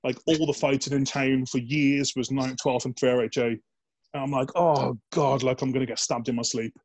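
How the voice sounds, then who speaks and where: A podcast guest who used to be a soldier trades army stories in a relaxed interview, sounding loose and blokey with plenty of "like" and casual cursing. He often mimics the people he quotes. His mid-range voice is a little mellow and slightly rough, fairly even in intonation, at normal speed.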